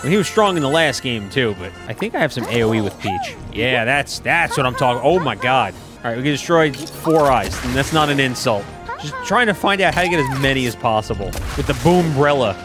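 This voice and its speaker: A man casually commenting while playing a video game, joking and quickly voicing the characters in silly lines. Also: mid-range voice, very animated, over music. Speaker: gaming YouTuber. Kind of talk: casual let's-play commentary.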